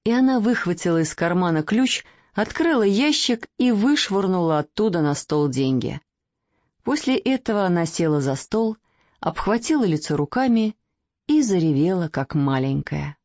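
A woman narrating a children's story in an animated, dramatic reading. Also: lowish voice, normal speed, no room sound. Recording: dry, slightly dull recording.

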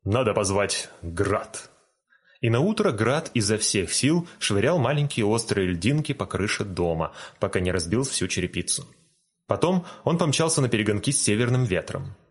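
A man reading a fairy tale aloud in a calm, gentle storytelling manner. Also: on the low side, moderate pace, slightly rough. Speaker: narrator. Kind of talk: storybook narration.

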